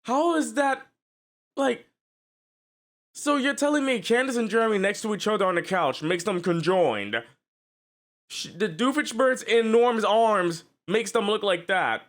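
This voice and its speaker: A woman's voice: medium pitch, animated, unhurried. A woman hosting a reaction video, giggly and incredulous in casual commentary.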